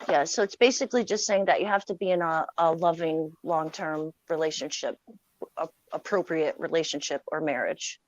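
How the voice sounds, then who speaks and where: A woman's voice: deep voice, moderate pace. A woman guest explaining things plainly in a casual discussion, her voice breaking up over a bad call connection. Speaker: panel guest. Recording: dull lo-fi call audio.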